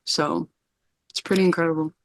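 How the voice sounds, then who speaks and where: A woman filmmaker being interviewed, talking in an earnest, expressive way about her work. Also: deep voice, fairly quick. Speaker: filmmaker guest. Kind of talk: interview conversation.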